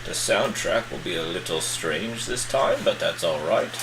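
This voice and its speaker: A man's voice: deep voice, animated, background noise. A man playing a pompous bearded old wizard with a put-on British accent, hamming it up while he paints live. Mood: grandiose. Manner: hammy, drawn-out theatrical wizard speech.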